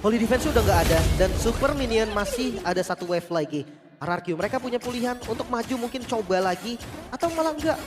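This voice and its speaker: A man with an Indonesian accent giving excitable, colloquial live commentary on an esports match. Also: very high-pitched, fast. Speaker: esports shoutcaster. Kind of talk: live mobile game match commentary and analysis. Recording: loud music behind the voice. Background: music.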